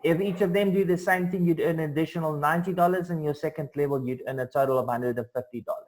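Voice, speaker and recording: A man presenting an online sales pitch over a video call, upbeat and salesy, with plenty of ums and uhs. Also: fast, low-quality recording.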